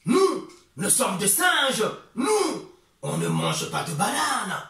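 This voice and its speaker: A man's voice: high-pitched, wildly swooping pitch, sharp tone, heavily acted. A man playing a fretful monkey husband. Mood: protesting. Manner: quick, fretful pleading. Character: anxious male monkey husband, timid and pleading. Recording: echoey room from far off.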